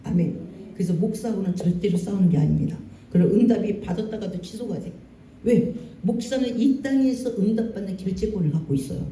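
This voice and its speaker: A pastor preaching a Sunday sermon, lively and colloquial, acting out scenes with jokes and emphasis. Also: mid-range voice, fairly quick. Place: church sanctuary. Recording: distant echoey church hall.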